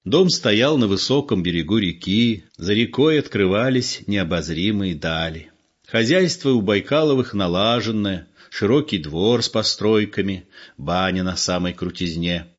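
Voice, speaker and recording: Lower-voiced male reader, lively intonation, dull lo-fi audiobook. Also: measured pace, breathy edge. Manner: expressive, storytelling. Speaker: narrator. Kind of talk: literary audiobook reading. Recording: dull lo-fi recording.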